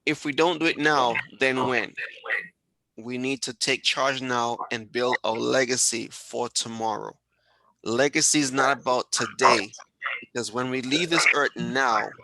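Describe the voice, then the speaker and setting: Mężczyzna prowadzący webinar przez połączenie wideo, mówi z kaznodziejskim zapałem i powtarza hasła dla podkreślenia. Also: male voice, medium pitch, gravelly, bright, forceful tone, rough recording. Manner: preachy, rallying, repeats for emphasis. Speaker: host. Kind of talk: motivational webinar hosting. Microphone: video call.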